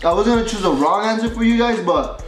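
A young man with a slightly high voice takes part in a casual challenge vlog, laid-back and giving short replies. He is recorded in a roomy, echoey bowling alley, with faint music behind him. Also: fast talker. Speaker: vlog guest.

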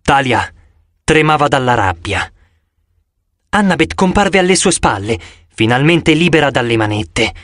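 A man narrating an audiobook in the first person with a dramatic, expressive reading. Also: mid-range voice, a little slow, dry recording, clean studio sound.

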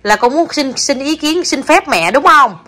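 A young woman, chatting at home with her child and slowing down to coax out the right words. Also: sits high, animated, bright, forceful tone. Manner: coaxing, slows down to model words for the child. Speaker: mother filming her child. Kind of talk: casual home chat with a child. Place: at home indoors.

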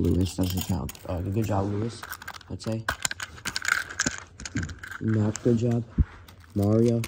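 With a lowish, mellow voice and a bit of hiss or hum on the recording, a man narrates his homemade toy car elimination series. His play-by-play is casual and wandering as he names contestants in turn, regularly fixing his own mistakes.

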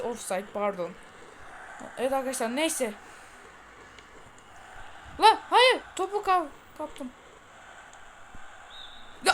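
Bright, high-voiced woman host, excited game commentary, unhurried between outbursts. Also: slight background noise. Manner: chatty, urging players on, shouting goals, boasting to viewers. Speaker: gaming channel host. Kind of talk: excited let's-play commentary.

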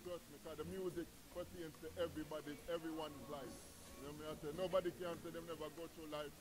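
Earnest Caribbean man with a high voice. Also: fairly even intonation, fast talker, rough recording. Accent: Caribbean patois. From Trinidad and Tobago. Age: middle-aged. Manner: earnest, preachy, repeats "you know what I mean". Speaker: reggae artist guest. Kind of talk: interview at a venue. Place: music lounge, indoors. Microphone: handheld mic held by interviewer.

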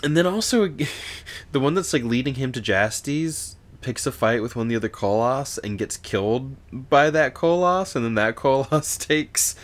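A man's voice: medium pitch, lively intonation, moderate pace. A man co-hosting a book podcast, recapping chapters in a rambling, profane way with frequent laughs. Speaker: podcast co-host. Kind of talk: casual book discussion.

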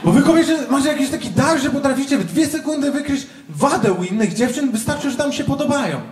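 A man doing a stand-up routine in front of a live crowd. He talks loudly and acts out shouted quotes. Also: very high voice, expressive, fast talker. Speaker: stand-up comedian. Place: large comedy venue with live audience. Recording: echoey venue with audience noise.

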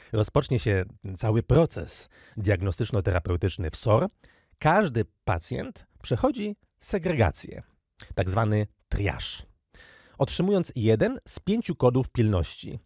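A man's voice: fairly low pitch, no room sound, clean studio sound. A man in his thirties from Poland, giving a prepared, lecture-style podcast talk and addressing the listeners directly. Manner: measured, addresses listeners directly, lively intonation. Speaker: university lecturer, podcast guest.

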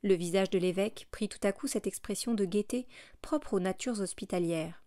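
A woman narrates a classic novel as an audiobook in a steady, measured reading voice. Her pitch sits in an ordinary middle range. The recording is dry and close, with no room echo.

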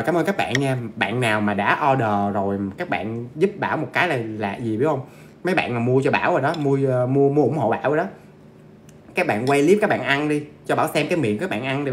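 Over a slight hiss or hum, a mid-range male voice chats with viewers on a relaxed ghost-story livestream. He addresses them directly, eating as he speaks.

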